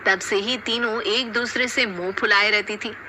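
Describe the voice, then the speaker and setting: A woman narrating a cartoon story in a steady storytelling way. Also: medium pitch, moderate pace, background noise.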